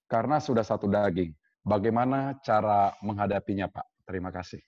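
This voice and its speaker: Polite low-voiced host reading out questions, dull lo-fi sound, long reverb. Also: male voice, brisk, a little mellow. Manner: polite, formal.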